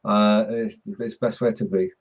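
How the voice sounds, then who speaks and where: A man hosting a casual online chat show, explaining things in a halting, measured way. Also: lowish voice, steady tone. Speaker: host. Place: group video call. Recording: dull, lo-fi video call audio.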